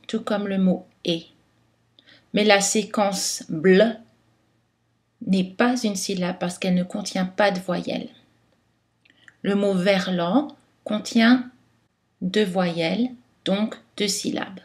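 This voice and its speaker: Woman, phonetics teacher, scripted lesson, slow and deliberate, carefully articulated. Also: medium pitch. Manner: careful, clearly articulated delivery.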